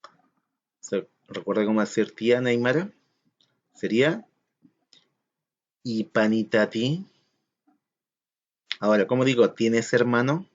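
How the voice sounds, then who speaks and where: A man's voice: mid-range voice, takes it slowly, pauses often. Man teaching a patient lesson, dull sound. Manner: patient, step-by-step explaining with questions to students. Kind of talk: recorded classroom lesson.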